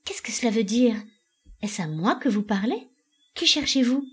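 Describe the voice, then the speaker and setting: A woman's voice: mid-range voice, moderate pace, close to an everyday voice. A woman voicing an anguished married woman in a dramatic play reading, pleading with panicked outbursts. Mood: terrified.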